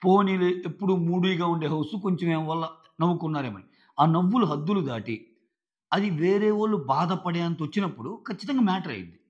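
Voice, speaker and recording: High-voiced man arguing an episode review. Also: expressive, fairly quick, muffled recording. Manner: emphatic, argumentative, with rhetorical questions. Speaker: reality show reviewer.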